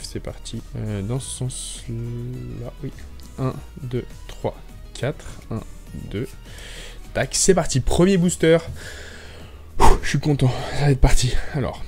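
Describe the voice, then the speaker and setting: Excitable young Frenchman, mellow voice. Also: mid-range voice. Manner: excitable, stumbles over words, talks to viewers. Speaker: YouTuber opening card packs. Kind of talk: casual excited chat.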